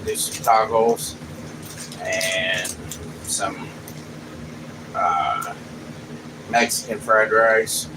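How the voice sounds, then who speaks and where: A man's voice: fairly low pitch, steady tone. Easygoing man, distant mic. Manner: easygoing, folksy, drawn-out. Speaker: channel co-host, the family's dad. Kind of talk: casual family livestream chat. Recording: distant mic in a noisy room.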